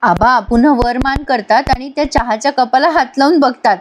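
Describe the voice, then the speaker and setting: A woman's voice: high-pitched, a little fast, noisy background. A woman retelling a television serial episode in a chatty, amused manner. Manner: chatty, amused, laughs often. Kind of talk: casual retelling narration.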